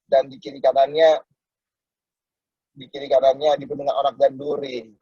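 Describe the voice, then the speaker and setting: A man giving a motivational network marketing talk over a video call, acting out little dialogues and jumping to sudden high exclamations. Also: completely flat delivery, a little fast, slightly rough, no room sound, dull audio.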